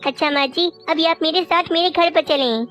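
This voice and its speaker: A woman voices a kind-hearted female bird in a cartoon, gentle and full of concern. The voice is high, with faint music. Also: moderate pace.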